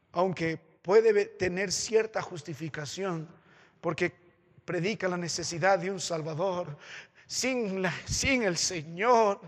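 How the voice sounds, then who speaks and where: A man with a Peruvian Spanish accent, preaching a sermon as pastor, with impassioned swings between loud exhortation and quiet consolation. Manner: impassioned preaching with sweeping pitch and loudness swings. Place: church sanctuary. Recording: church hall reverb.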